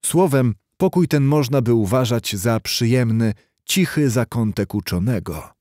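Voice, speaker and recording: A man's voice: mid-range voice, lively intonation, darkish tone, no room sound. Man narrating an audiobook, dry sound. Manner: measured, storytelling. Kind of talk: scripted literary narration.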